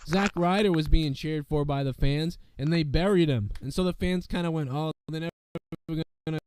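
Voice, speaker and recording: Losing his voice to illness, a man hosting a podcast rambles casually and profanely, dropping "you know what I mean" again and again as he comments on the show. His pitch is fairly high, his pace normal and his tone a little mellow. The audio is poor, with a little hiss or hum.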